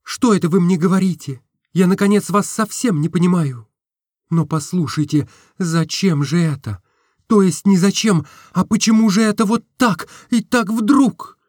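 A man reading aloud and voicing a distraught, tearful young woman who pleads in breathless, rapid questions. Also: high voice, a little mellow, no room sound, studio quality, voice pushed up. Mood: imploring.

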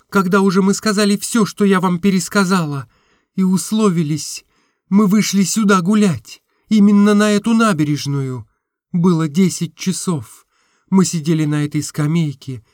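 Guy doing a young woman all worked up and teary, high voice. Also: no room sound, clean studio sound. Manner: rising to sobbing outbursts. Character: young woman, tearful, impassioned. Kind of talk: audiobook reading.

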